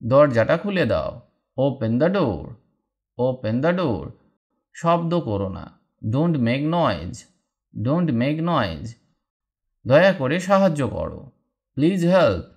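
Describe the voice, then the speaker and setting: A man teaching spoken English, reading each short sentence and then repeating the English slowly and deliberately. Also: a little high. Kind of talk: slow read-aloud drill lesson.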